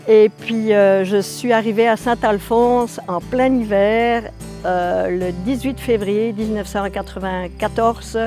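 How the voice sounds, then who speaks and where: An older woman from Belgium, telling her immigration story in a documentary with lively, repetitive emphasis. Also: medium pitch, slow pace, faint music behind. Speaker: interviewee. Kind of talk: documentary testimony.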